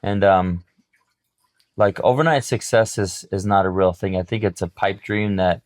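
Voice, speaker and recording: A middle-aged man co-hosts a podcast, speaking in a deep voice at normal speed in casual, reflective and motivational chat, drawing on sports examples. The recording is dry with clean studio sound.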